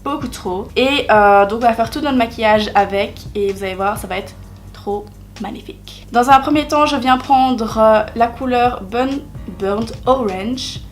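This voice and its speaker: A woman's voice: fairly high pitch, moderate pace, faint music behind. A young woman talking through a makeup tutorial in a chatty way, with many hesitations and self-deprecating asides. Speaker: beauty vlogger.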